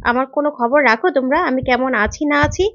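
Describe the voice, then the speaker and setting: A woman's voice: high voice, fairly even intonation, quick pace, fairly bright tone, dry recording. A woman voicing a nosy, suspicious married daughter who asks prying, complaining questions. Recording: dull, lo-fi recording.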